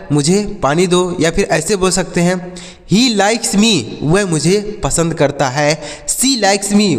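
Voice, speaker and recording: A man teaching an English lesson, spelling out and repeating each word slowly and patiently. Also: fairly high pitch. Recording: long hall reverb.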